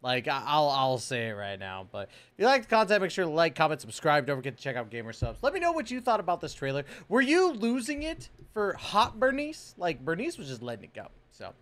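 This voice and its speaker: In a small indoor room filled with collectibles, an American man in his thirties rattles off casual, slangy, exclamatory reactions with hardly any pauses. His mid-range voice is sing-song, fast, and fairly bright, picked up by a close microphone on a boom arm.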